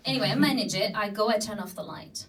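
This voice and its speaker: A woman's voice: mid-range voice, fast talker, noisy background. A young woman from France with a French accent, performing a giggly, self-deprecating stand-up set. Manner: chatty, self-deprecating storytelling with frequent giggles. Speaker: stand-up comedian. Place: comedy club stage with a live audience. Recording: distant club recording with audience laughter. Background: audience laughing.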